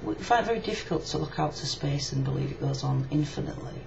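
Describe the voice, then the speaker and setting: Fast-talking, with a low voice and lively intonation, a Yorkshire woman gives a personal video reply as a video blogger. She's casual, frank and reflective, speaking in a room, and the muffled lo-fi webcam audio has clear background noise.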